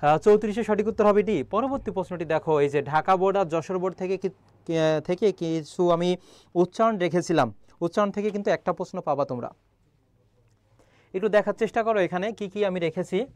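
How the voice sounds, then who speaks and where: A man's voice: high-pitched, fairly quick, darkish tone, no room sound. A young man teaching a live online grammar lesson, quizzing viewers and reading their comments aloud. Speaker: online admission-prep teacher.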